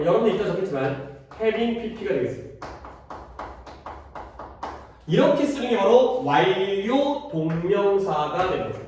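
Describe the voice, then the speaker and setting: Heard from a distance in an echoey cram school classroom with slight background noise, a male teacher quizzes students through a grammar lesson and repeats key terms. His voice sits high but has a darkish tone.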